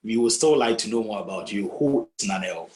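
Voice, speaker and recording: A man's voice: on the low side, brisk, a little mellow. A man hosting an interview show, welcoming his guest and praising her answers. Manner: effusive, heaps praise on the guest. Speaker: show host.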